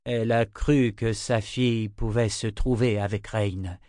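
A man's voice: lowish voice, fairly even intonation, unhurried, warm tone, no room sound, studio quality, natural voice. A man reading the part of a frightened mother who speaks short of breath. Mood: anxious.

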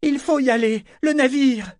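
A man voicing a frightened young woman who shouts and pleads in a high-pitched voice. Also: steady tone, moderate pace, no room sound, clean studio sound. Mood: urging.

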